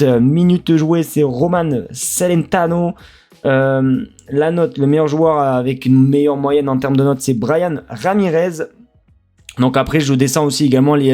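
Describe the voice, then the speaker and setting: A man's voice: on the high side, mellow. A man from France with a French accent, casually previewing a football match as a streamer, chatty and hesitant with many fillers.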